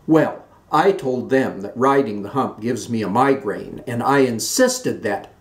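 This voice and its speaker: A man voicing a chatty older Southern aunt who talks nonstop, in a high, breathless run-on way. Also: measured pace, lightly acted. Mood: fussy chatter. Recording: roomy echoey room.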